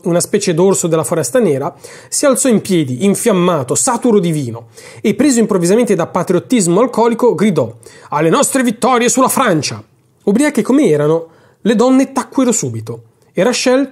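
Man, podcast reader, expressive literary narration, very lively intonation. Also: high voice, fairly quick, slightly rough. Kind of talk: literary reading aloud.

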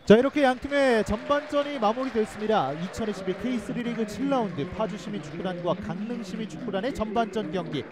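A man giving live play-by-play football commentary, excitable and shouting out chances. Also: high voice, fast talker, hardly any pauses, a crowd in the background.

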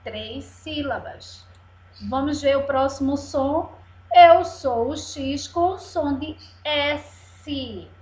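A woman's voice: sits high, drawn-out words, a little mellow. A woman teacher gives a video lesson to young children, patiently drawing out each word syllable by syllable. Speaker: primary school teacher. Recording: echoey room sound.

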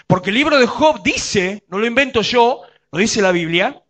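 A man's voice: sits high, expressive, normal speed, a bit bright. A male pastor with a Rioplatense Spanish accent preaching a sermon and asking his congregation questions.

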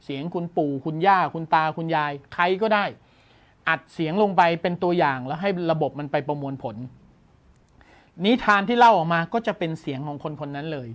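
A man's voice: fairly high pitch, lively intonation, a little fast, a bit bright. A man hosting a tech news show, explaining a gadget in a casual, enthusiastic way and exclaiming often.

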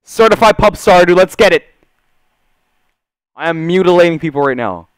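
A young man doing casual, profane video game commentary in slangy gamer bro talk, swinging between muttering and excitement. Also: high-pitched, normal speed, clean tone, dry recording. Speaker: gaming video creator.

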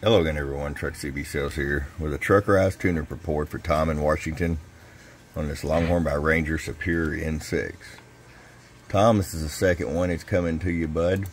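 A man with an extremely deep voice talks through a radio tune-up at his workbench. He is casual and folksy, speaking straight to a customer. A faint hum of the shop sits behind him. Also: fairly even intonation, brisk. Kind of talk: casual product demonstration.

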